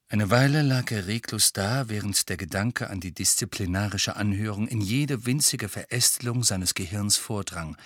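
A man's voice: lowish voice, fairly bright tone, husky, no room sound. Male audiobook narrator, dry sound. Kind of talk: audiobook reading.

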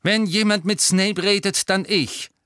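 Lupin, a man doing a firm, measured mentor. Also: fairly high pitch, lively intonation, no echo, clean studio sound, voice pushed up.

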